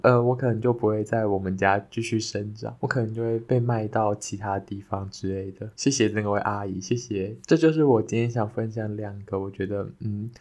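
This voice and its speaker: A young man hosting a podcast, telling a childhood story in a casual, animated way that turns sincere when he gives thanks. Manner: animated, jumps higher when retelling the scary parts. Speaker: podcast host.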